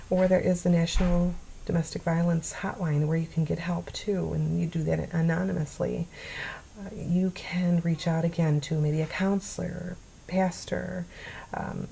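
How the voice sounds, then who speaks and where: A middle-aged woman speaks earnestly to her camera, pleading and pausing as she fights back tears. Her voice is low and mellow with a gravelly edge. A faint noise floor sits under the home recording. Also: rough recording. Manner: earnest, pleading, halting with sighs and pauses. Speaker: vlogger sharing her story. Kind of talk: personal address to camera.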